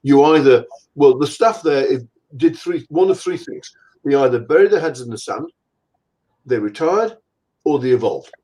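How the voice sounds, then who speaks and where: This older English anatomist joins a casual interview by video call, spinning rambling, self-deprecating stories about his work. His mellow mid-range voice is animated at a moderate pace, though the recording quality is low.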